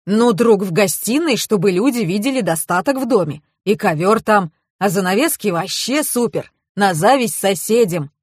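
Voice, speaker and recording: A woman's voice: mid-range voice, animated, moderate pace, hardly any pauses, husky, dry recording, studio quality. Lady doing a big crude husband, blunt and folksy, haggling type, audiobook. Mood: puzzled.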